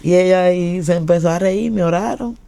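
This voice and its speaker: A woman's voice: on the low side, brisk, creaky, warm tone. A Puerto Rican woman giving her testimony in casual talk, telling her story with animation and acting out what people said. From Puerto Rico.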